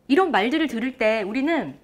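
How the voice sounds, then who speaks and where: A woman speech lecturer speaks from a stage to a live audience. Her voice sits fairly high and rises and falls a great deal. She talks in an animated, engaging way and keeps throwing questions to the crowd. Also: fast talker. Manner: lively, asks the audience questions. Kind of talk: motivational lecture.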